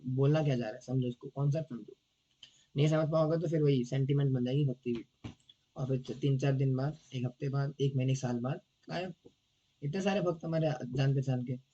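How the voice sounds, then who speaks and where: A hoarse man teaching a devotional scripture class in a casual, chatty way, often teasing and checking in with his listeners. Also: mid-range voice, dark tone, muffled recording.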